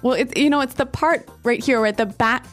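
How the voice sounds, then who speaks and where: A woman's voice: on the high side, a little fast, faint music behind. A woman co-teaching vocabulary conversationally, echoing words and explaining them with short examples. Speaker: co-host and English teacher.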